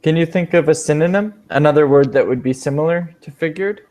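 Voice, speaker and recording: A man's voice: on the high side, a little fast, a little mellow. A man teaching an advanced English speaking class, patiently explaining word meanings with examples. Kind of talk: online language class.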